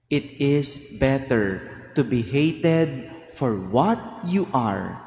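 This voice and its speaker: Filipino priest preaching slow, big cathedral echo, long reverb ringing off the walls. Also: male voice, mid-range voice, a little hiss or hum. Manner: slow and deliberate, quizzing the congregation. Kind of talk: homily during Mass. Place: large church. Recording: echoey church hall sound.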